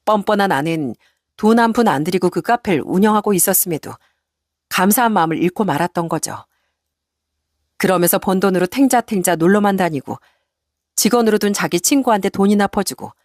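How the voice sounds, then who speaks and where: Calm woman storyteller, dry sound. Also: mid-range voice, fairly quick, no room sound. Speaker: story narrator. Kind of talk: scripted first-person narration.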